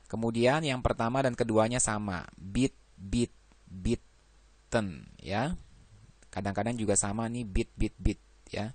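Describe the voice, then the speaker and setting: Man, teacher, grammar lesson, low voice, dry sound, steady list reading. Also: slow, long pauses, no room sound. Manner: walks through word lists, adds "ya" after nearly every phrase. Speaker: English teacher.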